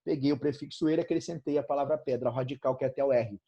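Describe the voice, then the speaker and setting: Husky-voiced, upbeat Brazilian male teacher. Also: medium pitch, very fast, mellow, lo-fi sound. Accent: Brazilian Portuguese. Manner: upbeat, checks in constantly with "show?" and "tranquilo?"; addresses students familiarly as "irmão" and "galerinha". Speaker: Portuguese teacher. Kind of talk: grammar lesson.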